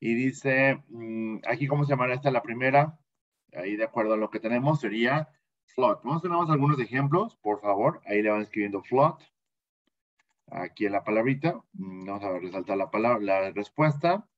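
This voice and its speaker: Bilingual male English teacher, Mexican accent, patient, medium pitch, slightly muffled audio. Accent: Mexican Spanish. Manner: patient, repeats words slowly for students to copy. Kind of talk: bilingual classroom lesson.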